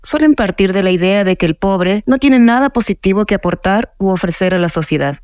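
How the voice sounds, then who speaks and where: A woman's voice: medium pitch, lively intonation, fairly quick, darkish tone, no room sound, clean studio sound. Woman narrating a documentary formally. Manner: formal, explanatory. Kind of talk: scripted narration.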